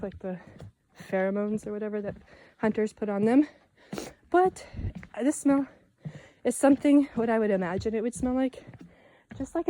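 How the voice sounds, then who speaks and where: A woman's voice: on the high side, mellow. A young woman vlogger chatting casually while walking a forest trail, rambling with self-mocking asides. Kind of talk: casual chat while hiking.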